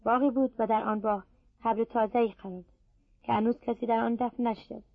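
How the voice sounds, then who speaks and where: A woman reading scripture aloud in a steady, measured voice. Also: fairly high pitch, creaky, dry recording, phone-quality sound. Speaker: scripture reader.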